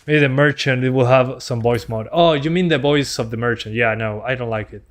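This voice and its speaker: Mid-pitched man streaming a game. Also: brisk. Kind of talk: casual gameplay commentary, answering chat.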